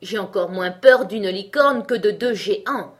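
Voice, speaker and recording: A woman's voice: mid-range voice, measured pace, lightly acted. A woman voicing a boastful, cunning little male tailor in a read-aloud fairy tale, cocky and swaggering.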